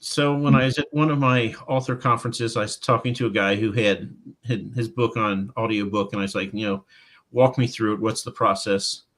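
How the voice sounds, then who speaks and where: A man's voice: lowish voice, steady tone, fairly quick, fairly bright tone. A man, an author being interviewed, telling anecdotes casually and acting out quoted dialogue. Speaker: author, guest.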